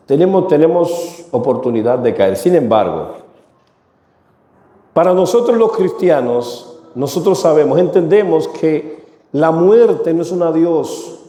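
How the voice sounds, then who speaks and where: A man's voice: a little high, dark tone. A man preaching a sermon to his congregation, asking them rhetorical questions. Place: church. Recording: echoey church hall.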